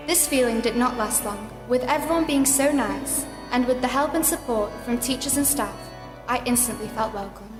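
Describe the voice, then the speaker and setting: In a big school hall at a ceremony, a young South African woman in her late teens reads her prize-day speech as deputy school captain. Her somewhat high voice stays formal and measured, with echo and music in the background.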